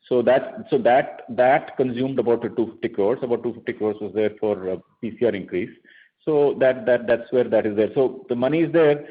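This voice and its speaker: A man with an Indian accent speaks at an average pitch over a narrow, tinny phone connection. He explains financial figures like a senior executive on a conference call, conversational and often circling back to restate his point. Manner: conversational, repeats and rephrases to explain. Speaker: bank executive on earnings call. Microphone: phone conference line. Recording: thin phone-line conference audio.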